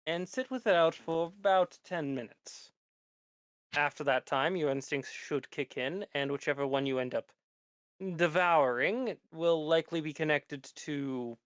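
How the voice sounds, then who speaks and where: A man voicing a calm lich professor in a tabletop game, speaking in a measured, explanatory, formal way. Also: a little high, clean tone, no room sound, studio quality. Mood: matter-of-fact. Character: lich professor in a metal mask, calm, instructive.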